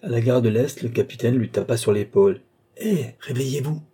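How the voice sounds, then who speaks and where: A man narrating a short story in a measured storytelling manner. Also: medium pitch, fairly even intonation, mellow, husky.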